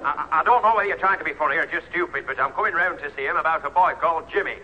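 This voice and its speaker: A man's voice: fairly high pitch, rapid-fire, natural voice. A man playing an easily riled, indignant caller blustering his way through a 1960s radio comedy. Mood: exasperated. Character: irate, exasperated man telephoning, easily riled. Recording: dull old radio recording, loud hiss.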